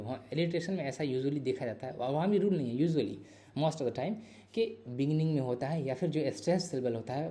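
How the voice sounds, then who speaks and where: A man teaching an exam-prep literature class, explaining in Hindi with English terms, repeating key phrases and sounding out words slowly. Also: medium pitch, warm tone.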